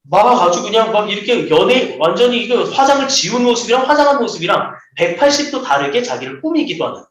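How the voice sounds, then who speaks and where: A man preaching a sermon to children, telling stories and acting out the voices of the people in them. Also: high voice. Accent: Seoul Korean. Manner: lively, acts out quoted voices. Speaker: children's pastor. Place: church hall. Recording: echoey room.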